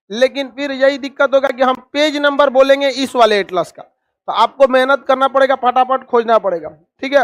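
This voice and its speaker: A middle-aged male teacher lectures a classroom with scolding sarcasm. His voice sits high for a man and keeps asking rhetorical questions. The sound is dry and close. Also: no echo. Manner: scolding, sarcastic, addresses students as donkeys.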